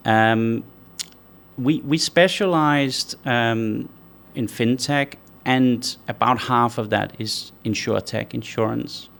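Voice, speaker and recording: A Danish company founder answers interview questions in a measured way, thinking aloud and restarting often. His mid-range voice has vocal fry and a fairly bright tone.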